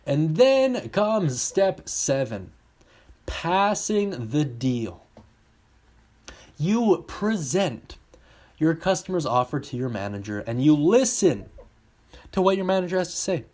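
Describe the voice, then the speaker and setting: A man's voice: fairly high pitch, sing-song, slow, pauses often, darkish tone. A man coaching car salespeople in a blunt, emphatic instructional talk.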